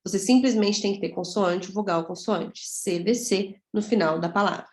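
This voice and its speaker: A woman's voice: mid-range voice, normal speed. A woman from Brazil teaching an English grammar lesson in a chatty way, often checking in with her students. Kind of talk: casual video lesson. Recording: echoey room.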